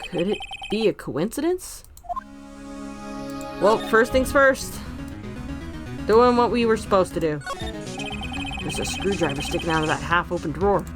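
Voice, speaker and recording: A woman hosts a let's play with a slightly low voice. She reads game dialogue and narration aloud and comments casually. Game music plays clearly behind her. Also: unhurried, pauses often.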